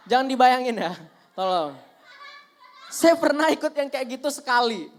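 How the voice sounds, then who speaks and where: A man's voice: very high voice, normal speed. Teasing young stand-up comedian, man. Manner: lively, teasing, talks to the audience.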